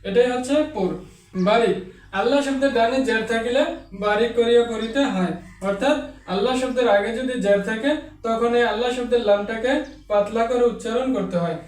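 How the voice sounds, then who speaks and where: A man teaching an online Quran reading lesson, explaining each rule and then chanting Arabic examples in a slow, drawn-out recitation. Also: extremely high pitch, darkish tone, recorded from a distance. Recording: echoey, off-mic room sound.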